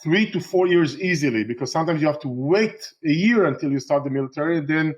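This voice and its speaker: Israeli-born man, halting, lo-fi. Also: a little high. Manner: halting, many fillers and restarts. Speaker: guest, real estate investor. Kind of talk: casual interview talk.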